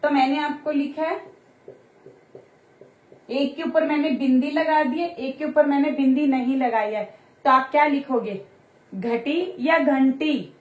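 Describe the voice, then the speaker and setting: A woman teaching a Hindi grammar lesson to children online, friendly, stretching out example words slowly. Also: high voice, fairly even intonation. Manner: friendly, addresses children as dear kids. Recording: roomy echo.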